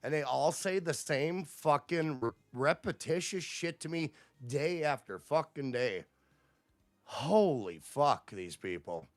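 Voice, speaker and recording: Male streamer, profane, combative, lively swings in pitch, slow delivery, dry close sound. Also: dry recording. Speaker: livestream host. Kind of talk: casual livestream rant to chat.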